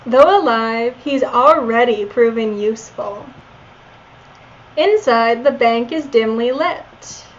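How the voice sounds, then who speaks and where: A woman reads a game aloud in a high voice, slowly and playfully, teasing the characters between lines. The recording is a touch dull and lo-fi. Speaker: game player and narrator. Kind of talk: reading a visual novel aloud with commentary.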